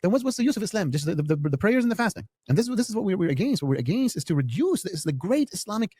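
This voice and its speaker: A man's voice: high voice, big pitch swings, very fast, a little mellow, breathy edge. A man speaking as an imam in an interview, emphatic and often repeating words as he starts sentences. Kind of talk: podcast interview answers.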